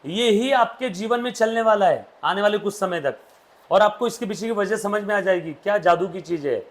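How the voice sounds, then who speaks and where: A man's voice: high-pitched, brisk. A man, teaching accountancy to a classroom and drilling students with questions. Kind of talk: classroom lecture.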